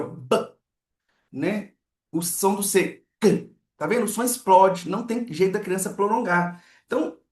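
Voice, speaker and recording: Teacher acting out letter sounds. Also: male voice, high voice, a bit bright. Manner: repeats "né" often and acts out letter sounds theatrically. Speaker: literacy teacher. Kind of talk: explanatory lesson with sound demonstrations. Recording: echoey room.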